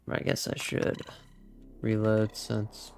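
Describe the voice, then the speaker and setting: Gravelly man muttering through gameplay. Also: lowish voice, completely flat delivery, slow, a little hiss or hum. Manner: muttering to himself while reading out choices. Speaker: streamer. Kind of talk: gameplay commentary.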